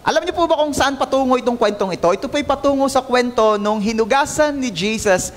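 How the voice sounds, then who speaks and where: A man's voice: very high-pitched, a little fast. A male pastor preaching a sermon in church, mixing English into his talk and calling out to the congregation for answers. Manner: lively, calls out to the congregation for responses; mixes English into Filipino. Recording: long hall reverb.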